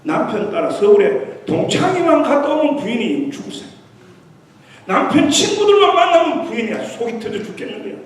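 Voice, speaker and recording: A middle-aged revival pastor, visiting as a guest, delivers a storytelling sermon full of anecdotes and scattered English terms. His voice is extremely high and sing-song, and his pace is brisk. The recording comes from afar in an echoey church sanctuary.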